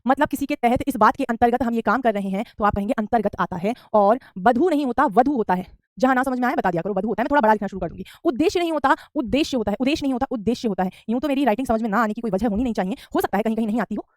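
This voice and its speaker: Female teacher, brisk and fast, high-ish voice, repeats each word for students, dry close sound. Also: dry recording. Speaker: Hindi teacher. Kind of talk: online spelling lesson.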